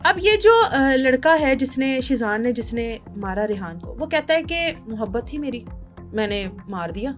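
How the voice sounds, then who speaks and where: A woman narrating a crime case on a talk show, animated and acting out the people she quotes. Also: faint music behind. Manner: animated, shifts pitch for quoted speakers.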